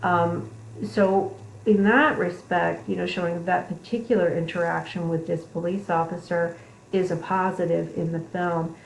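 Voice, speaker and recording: A woman's voice: fairly low pitch, steady tone, moderate pace, vocal fry. A woman psychology instructor giving a recorded online lecture, explaining at length with frequent fillers and restarts, in an echoey room. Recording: echoey room with faint noise.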